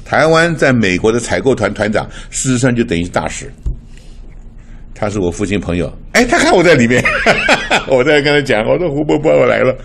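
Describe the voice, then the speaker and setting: A man's voice: medium pitch, sing-song, normal speed, fairly bright tone, a little hiss or hum. An older man from Taiwan preaching in a chatty, storytelling way, laughing often and mixing in English words. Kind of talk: sermon with personal stories.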